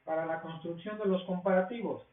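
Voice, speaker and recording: A man teaching a language class, explaining rules slowly and asking questions that he answers himself. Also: high-pitched, steady tone, very noisy. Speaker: English teacher. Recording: tinny, echoey, from far off the mic.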